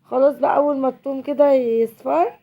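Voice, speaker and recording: A woman's voice: high-pitched, fairly even intonation, fast talker, phone-quality sound. An Egyptian woman with a cold, hosting her home cooking channel and chatting directly to viewers as she cooks. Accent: Egyptian Arabic. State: has a cold.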